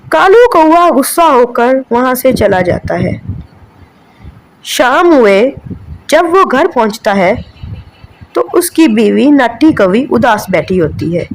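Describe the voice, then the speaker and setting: High-voiced woman narrating a storybook. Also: very animated, takes it slowly, slight background noise, poor audio. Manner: sympathetic, storytelling.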